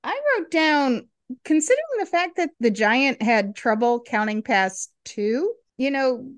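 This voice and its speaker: A woman's voice: high voice, big pitch swings, measured pace. Wry woman podcast co-host. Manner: wry, dry humor. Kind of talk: casual chat, recapping a TV episode.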